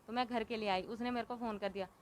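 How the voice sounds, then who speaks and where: A woman's voice: fairly high pitch, steady tone, quick pace, slight background noise. A woman in her thirties giving an interview, retelling her own story in a plain, rambling way and quoting what others said. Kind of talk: recounting personal story.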